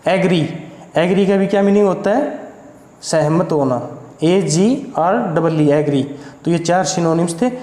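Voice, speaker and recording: A man's voice: on the high side, steady tone, warm tone. A man teaching English vocabulary, speaking with an Indian accent, spelling each word letter by letter and correcting his own slips. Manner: spells words letter by letter, slow and deliberate. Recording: echoey room with long reverb.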